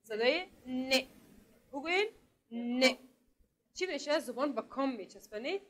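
A woman with an Afghan Dari accent leads a beginner literacy lesson in a slightly raised voice. She is patient, repeats sounds slowly, and keeps asking whether her students follow. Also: high voice, lively intonation. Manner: patient, repeats and checks understanding. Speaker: literacy teacher. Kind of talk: classroom lesson.

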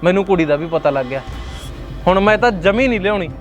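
A man's voice: sits high, lively intonation, dull audio, faint music behind. A man playing an angry young husband who argues hotly with his mother. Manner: heated, rapid, indignant. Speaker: son arguing with his mother. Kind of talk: web series drama acting.

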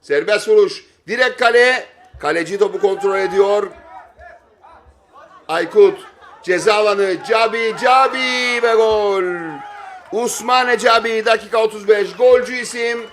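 A man giving excited football play-by-play in clipped short phrases, shouting and stretching out his calls at big moments. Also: high voice, unhurried. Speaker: football match commentator. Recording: stadium crowd noise behind voice. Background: football crowd.

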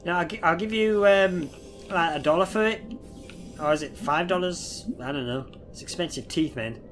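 Soft music plays while a gameplay streamer in his thirties talks at a moderate pace, his voice on the high side with a fairly bright tone. Nasal from a head cold and stuffy nose, he speaks into a headset, chatting casually and swearing at creatures on screen.

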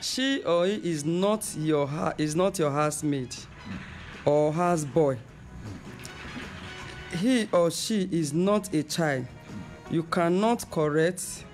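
Quick-talking man co-host. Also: on the high side, faint music behind. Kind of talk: morning radio talk on marriage.

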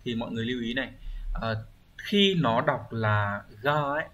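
A man's voice: mid-range voice, animated, moderate pace, a bit bright, slight background noise. A male language teacher going through exam vocabulary questions, explaining readings step by step and often checking with his students. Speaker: Japanese teacher. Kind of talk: exam review lesson.

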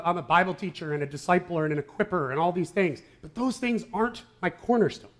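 A male pastor giving a conversational sermon with an Upper Midwest American accent, often checking in with "right?" and "okay?". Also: a little high. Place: church sanctuary.

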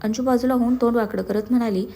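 Mellow-voiced woman narrating a story. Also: fairly high pitch, steady tone, fast talker. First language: Marathi. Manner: reads all characters' dialogue in her own voice, switching to Hindi for some.

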